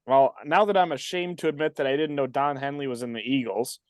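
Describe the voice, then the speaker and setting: A man's voice: medium pitch, a little fast, no room sound. A man in his thirties on a podcast panel, chatting casually and making self-deprecating jokes. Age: 30s.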